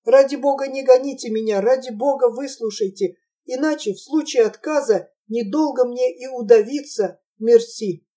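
A woman puts on a fawning male shop clerk, lovesick and pompous, begging in fancy half-learned phrases. His voice sits high and rather hushed, with a mellow, soft tone. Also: normal speed, few pauses, distant mic, natural voice. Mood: pleading. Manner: pompous mock-refined, pleading.

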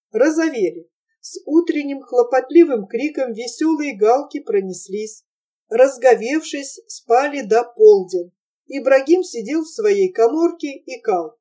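Woman, audiobook narrator, literary novel, measured, expressive, warm mellow tone, slightly high. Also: recorded from a distance.

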